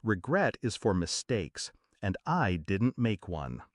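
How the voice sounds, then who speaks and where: A man reading a first-person story aloud in a measured, dramatic storytelling manner. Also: lowish voice, very animated, no echo, studio quality. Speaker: story narrator.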